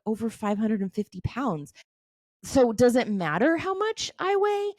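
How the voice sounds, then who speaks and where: A woman's voice: medium pitch, darkish tone, dry recording, studio quality. A woman in her forties, a coach giving a frank, casual talk about habits, swearing now and then and laughing easily. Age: 40s.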